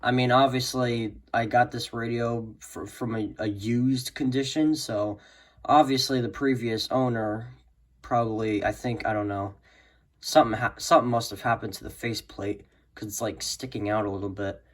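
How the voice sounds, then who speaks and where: Speaking at normal speed in a steady, mid-range voice, a man who makes hobby videos gives a casual, unscripted product demo. It's rambling and hesitant, often fading out with "so yeah." The recording is an amateur home one and clearly noisy.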